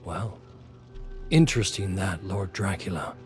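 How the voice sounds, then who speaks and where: Sly Death figure, deferential, formal, measured, coaxing game villain's aide, music underneath. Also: male voice, low-pitched. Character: Death, deferential, sly, counselling servant of a vampire lord. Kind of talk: dramatic game story acting. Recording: music behind the voice.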